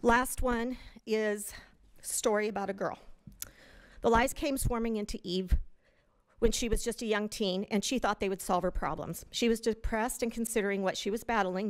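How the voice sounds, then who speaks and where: At a podium microphone in a large hotel meeting room, a woman with a mid-range voice gives public comment, indignantly reading news stories aloud from a prepared text.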